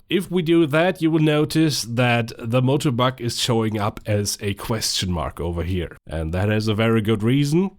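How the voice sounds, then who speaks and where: A man with a cold and a nasal voice, hosting a chatty, relaxed tutorial with joking asides. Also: mid-range voice. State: sick with a stuffy nose. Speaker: tutorial host. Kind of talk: screen-recorded coding tutorial.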